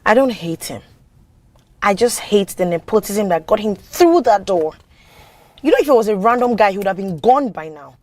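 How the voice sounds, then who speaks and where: An actress playing a driven, stern manager who speaks in a sharp, scolding way. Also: female voice, medium pitch, expressive, normal speed, close to an everyday voice. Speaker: company manager.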